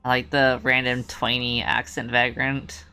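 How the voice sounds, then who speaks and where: A woman's voice: extremely low pitch, little pitch movement, measured pace, sharp tone, clear, resonant tone. A woman streamer giving offhand, joking commentary while she plays, swearing and laughing at the game. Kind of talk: casual gameplay commentary. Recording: game music behind.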